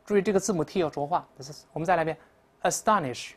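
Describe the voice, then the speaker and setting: A woman's voice: lowish voice, very fast, darkish tone. A woman teaching English in a classroom lecture, explaining answers and leading repeat-after-me pronunciation drills.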